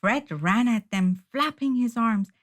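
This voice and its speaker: With a fairly high-pitched voice, a woman narrates a children's picture book, her delivery deliberate and full of expression.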